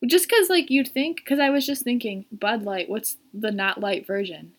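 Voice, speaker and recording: A young woman in her twenties, co-hosting a casual podcast chat and asking quick, playful questions. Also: a little high. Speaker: podcast co-host.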